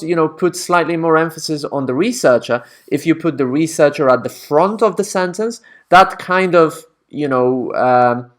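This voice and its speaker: Man casually explaining academic writing. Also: fairly high pitch. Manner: conversational, checks in with frequent "right?".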